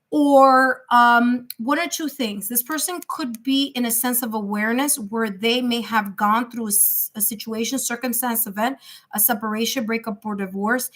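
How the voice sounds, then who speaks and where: A woman with a New York accent gives live tarot readings, her voice a little high and a bit bright. She's chatty and reassuring, thinking aloud and using fillers as she goes.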